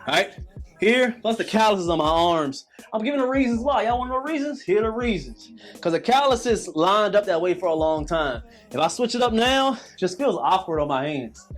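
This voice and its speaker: A man in his thirties coaches a workout in a notably high voice. He repeats his cues over and over and drifts into preachy talk, while faint music plays underneath. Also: expressive, brisk. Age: 30s. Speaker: fitness coach.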